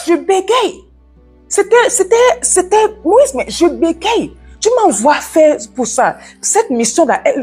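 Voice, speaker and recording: Speaking with an African French accent, a high-pitched woman gives a devotional talk that is fast, loud, and full of energy, with some of her words swallowed.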